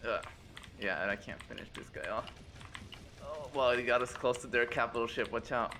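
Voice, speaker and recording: A man leading his squad in a live game, giving energetic orders and quickly cheering his teammates. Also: medium pitch, a little hiss or hum. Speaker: squad leader.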